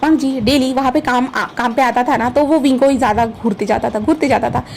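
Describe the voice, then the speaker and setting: A woman's voice: high voice, brisk, vocal fry, a little mellow, slight background noise. A woman narrating a fan fiction story in a chatty, casual way, often addressing her listeners as "bhai".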